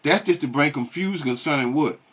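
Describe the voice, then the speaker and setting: A man's voice: on the high side, a little fast, a bit bright. A man giving blunt, scolding commentary on video clips, who keeps asking rhetorical questions and repeats himself. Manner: blunt and scolding, with many stalling fillers. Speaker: online religious commentator.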